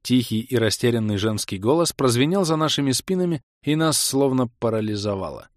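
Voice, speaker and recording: A man's voice: mid-range voice, expressive, brisk, no echo. A man narrating a fantasy audiobook in a tense, dramatic manner, close to the mic. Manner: tense, dramatic, hushed in suspense.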